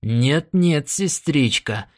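A man's voice: fairly high pitch, lively intonation, drawn-out words. A man voicing an angry, bullying red-faced miner who roars his words in an audiobook. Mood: menacing. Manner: roaring.

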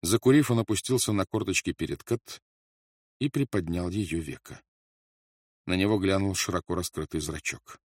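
Grave male narrator, low register, dry close recording. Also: normal speed, dry recording. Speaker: audiobook narrator. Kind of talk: dramatic audiobook narration.

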